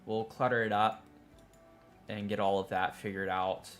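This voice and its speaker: Soft background music plays as a Southern-accented Tennessee man chats on a live stream while building in a game. He rambles and breaks off his own sentences, speaking at a moderate pace in a lowish, level voice.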